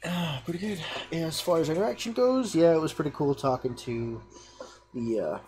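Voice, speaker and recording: A man giving relaxed, casual gameplay commentary and reading game text aloud. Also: on the high side, normal speed, slight background noise. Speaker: gamer.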